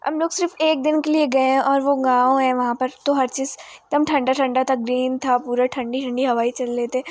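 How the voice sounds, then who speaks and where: A woman's voice: sits high, level tone, moderate pace. A young woman narrating a casual family vlog outdoors in a village, chatty and rambling, mixing English words into her storytelling. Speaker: vlogger.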